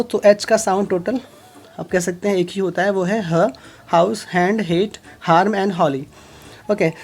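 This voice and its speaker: A woman gives a phonics lesson in a slightly low voice. She speaks very slowly and deliberately and reads out lists of example words one by one. Soft music plays faintly behind her. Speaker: English teacher. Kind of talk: phonics lesson explained in Hindi.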